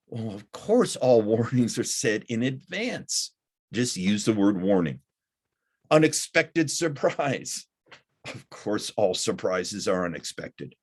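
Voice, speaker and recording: A middle-aged man teaching a recorded college lecture, talking deliberately with frequent "uh" fillers. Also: medium pitch. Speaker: college instructor.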